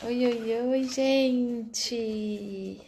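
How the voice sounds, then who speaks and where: Woman chatting on a live stream, saying hi to everyone joining, bit gravelly, kinda high voice. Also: steady tone, extremely slow, warm tone, slight background noise. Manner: chatty, greets viewers by name. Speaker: live stream host, therapist. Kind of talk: casual live stream chat.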